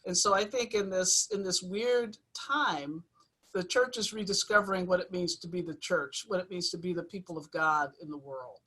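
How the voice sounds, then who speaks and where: A woman church leader speaks on a video call panel. Her voice is bright and clear, and she lingers on her key phrases in a measured way. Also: on the low side. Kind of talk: panel discussion remarks.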